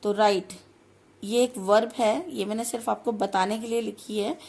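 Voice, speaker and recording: A woman teaching grammar, explaining step by step and slowing down carefully whenever she reads phrases. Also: mid-range voice, fairly even intonation, vocal fry, a little mellow. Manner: explains step by step, slows down sharply for English phrases. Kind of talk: classroom-style lesson.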